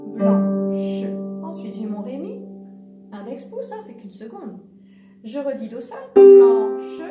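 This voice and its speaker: A woman's voice: high voice, echoey room, far from the mic. A woman giving a patient, step-by-step piano lesson, counting the beats aloud as she plays. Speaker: piano teacher.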